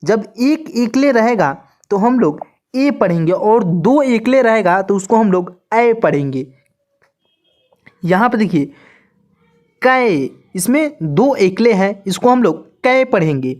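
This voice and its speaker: Slow, patient woman teaching a lesson. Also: medium pitch, expressive, darkish tone. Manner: repeats each point and asks the class questions. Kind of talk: slow classroom-style lesson.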